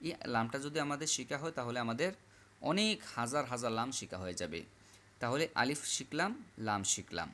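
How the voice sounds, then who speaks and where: A man teaching Quran reading, patiently repeating each letter aloud in a slow classroom style. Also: medium pitch, animated, bright, forceful tone. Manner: repetitive, drills letters aloud.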